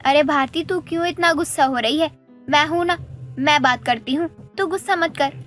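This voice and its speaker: A woman's voice: sits high, moderate pace, fairly bright tone, faint music behind. A woman voicing a proud, bossy middle-aged neighbor aunty in a cartoon story, talking in a scolding way. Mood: coaxing.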